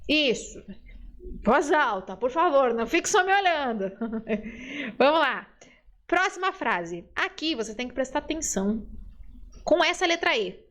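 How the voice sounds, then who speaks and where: A woman from Brazil with a bright, high-pitched voice teaching an online Spanish lesson. She talks in a chatty, lively way and stretches out each word she models for learners to repeat. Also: measured pace, pauses often.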